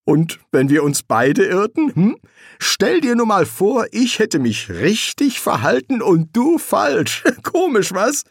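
A man's voice: sits high, huge pitch swings, slow pace, creaky, no echo, studio quality, pitched above the performer's own voice, heavily acted. A man doing a sly teasing demon. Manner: needling, ironic.

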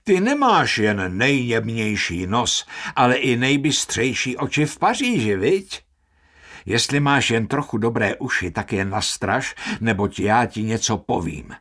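A man voicing a stern, irritable older master perfumer who scolds, shouts and mocks. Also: mid-range voice, big pitch swings. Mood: mocking.

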